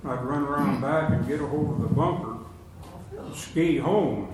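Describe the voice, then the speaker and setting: This older man's voice is on the higher side and moves at a moderate pace as he spins chuckling, folksy tales of his youth for a group. Captured from a distance in a large, very echoey room, with slight background noise.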